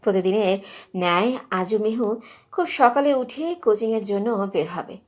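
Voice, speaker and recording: A woman's voice: mid-range voice, moderate pace. A woman narrating a dramatic audio love story with emotive delivery. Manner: emotive, expressive.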